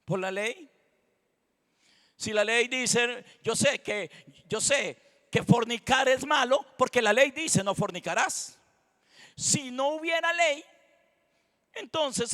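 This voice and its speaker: A man preaching a passionate sermon, rising to loud cries and dropping to quiet murmurs. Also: slow, long pauses. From Costa Rica. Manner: impassioned preaching, swinging between loud cries and low murmurs. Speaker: pastor. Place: church sanctuary. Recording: long reverb of a church hall.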